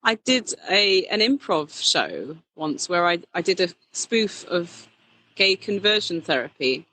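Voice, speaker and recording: A woman drag king performer chatting casually in an interview, animated and quick to laugh, often restarting her sentences. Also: fairly low pitch, slight background noise, poor audio.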